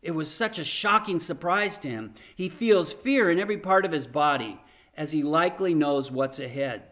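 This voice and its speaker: An older man delivers a sermon from a room in his home, speaking into a webcam. His voice sits a little high, and he tells the scripture story with earnest, emphatic storytelling. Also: normal speed, fairly bright tone. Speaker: pastor. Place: home room in front of a framed painting.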